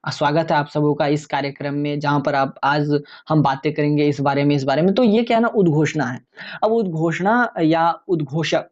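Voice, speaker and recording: A man explaining exam topics in a relaxed, conversational lecture, addressing viewers as friends. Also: on the high side, muffled recording. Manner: chatty, many fillers and restarts. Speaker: exam tutor.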